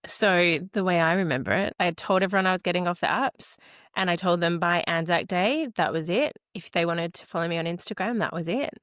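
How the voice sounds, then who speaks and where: A woman's voice: fairly low pitch, a little fast, fairly bright tone, no room sound, clean studio sound. A woman hosting a podcast, talking in an upbeat, chatty way. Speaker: podcast host. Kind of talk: casual chat.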